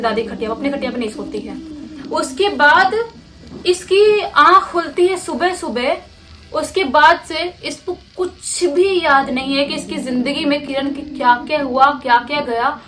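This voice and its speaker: A woman's voice: high-pitched, fairly bright tone. A woman telling a true horror story in a casual, conversational way, acting out moments as she goes. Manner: conversational, gestures with words like "like this".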